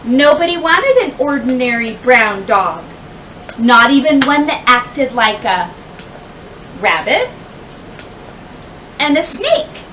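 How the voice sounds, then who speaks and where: In a high, bright voice with big pitch swings, a woman teacher reads a children's picture book aloud very slowly, stressing key words and leaving dramatic pauses in a deliberate storyteller manner. The recording has faint background noise, and she sounds a little distant from the microphone.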